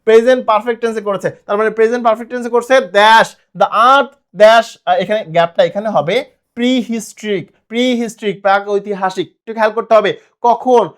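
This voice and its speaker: A man teaching a grammar lesson, explaining slowly and asking his students questions. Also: high voice, fairly even intonation.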